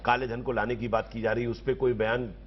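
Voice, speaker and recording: A man arguing as a political panelist in a televised debate, speaking forcefully in long rhetorical sentences. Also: medium pitch, little pitch movement, brisk, a little hiss or hum. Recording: slightly dull TV broadcast audio.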